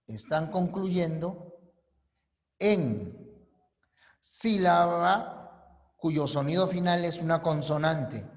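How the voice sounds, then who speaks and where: A man teaching a language class, explaining rules slowly and emphatically and repeating the key points. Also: sits high. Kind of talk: recorded class lecture. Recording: echoey room with long reverb.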